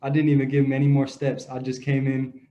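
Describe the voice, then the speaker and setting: A young man co-hosting a casual sports podcast, telling stories in a relaxed, rambling way with many fillers. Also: mid-range voice, quick pace. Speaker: podcast co-host, grandson. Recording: dull lo-fi audio.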